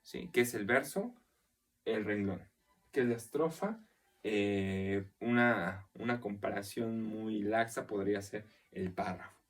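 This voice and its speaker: A man's voice: lowish voice, slow pace, far from the mic. A man teaching a literature class, explaining step by step, counting syllables aloud and often checking in with his students. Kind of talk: recorded class lecture.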